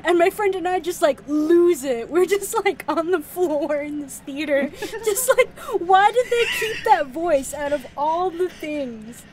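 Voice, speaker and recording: A woman's voice: very high-pitched, animated, a little slow, hardly any pauses, crowd noise. A woman co-hosting a casual podcast, chatty and giggly, with many filler words. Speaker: podcast co-host.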